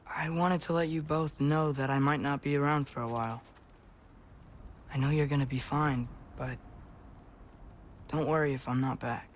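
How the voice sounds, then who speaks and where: An actor playing an earnest, sometimes playful teenage demigod in video game dialogue. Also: male voice, on the high side, steady tone, normal speed, pauses often, a little hiss or hum, close to an everyday voice.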